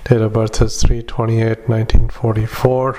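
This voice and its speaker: A man who is a doctor, dictating clinical notes into a dictaphone, halting often with drawn-out "uh"s. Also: on the low side, level tone, very noisy. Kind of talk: medical dictation.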